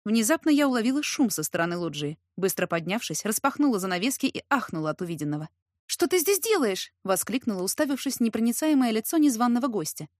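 A woman narrating a first-person romance story in a steady, expressive storytelling voice. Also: mid-range voice, no room sound, clean studio sound.

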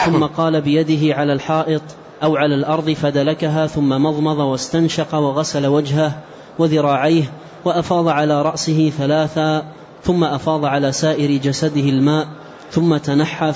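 A man, a student, reading hadith texts and their chains aloud to his teacher. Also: on the high side. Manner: flat recitation of the text. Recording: distant dull lo-fi recording with faint hiss.

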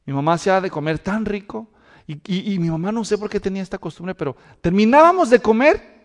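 A man preaching a sermon as pastor, telling lively stories and asking his listeners rhetorical questions. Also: sits high, fast talker. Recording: long reverb of a hall.

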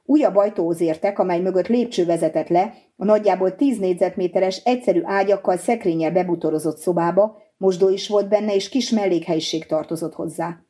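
A woman narrating an audiobook in an even, measured reading. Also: on the low side.

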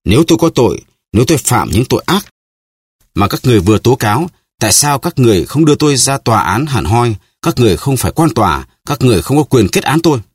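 A man's voice: deep voice, big pitch swings, fast talker, hardly any pauses, a bit bright, husky, dry recording, studio quality, full character voice. A man reading an audiobook, voicing a desperate cursed noblewoman who pleads for her life in a wailing voice. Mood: defiant.

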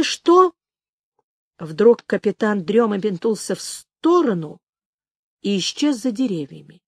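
A woman narrating a novel as an audiobook, in a measured, expressive reading. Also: a little high, no room sound, studio quality. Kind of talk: scripted narration.

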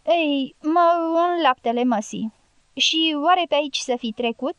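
A woman's voice: high-pitched, a bit bright, dry recording, highs cut off, voice pushed up. A woman reading an audiobook voices a cheerful, fawning male guerrilla hunter who exclaims and wheedles. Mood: excited.

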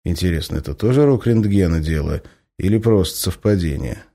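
A man reading an audiobook in steady scripted narration. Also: sits low, fairly quick, breathy edge.

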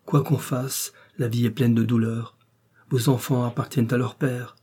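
A man reading the lines of a pale, impassioned gentleman who pleads earnestly, in halting phrases. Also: mid-range voice, level tone, slightly rough, lightly acted. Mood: pleading passion.

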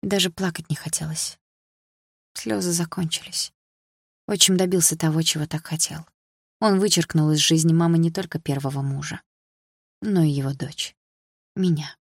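A woman narrating a first-person audiobook in a calm, measured reading. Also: deep voice, breathy edge, dry recording, studio quality.

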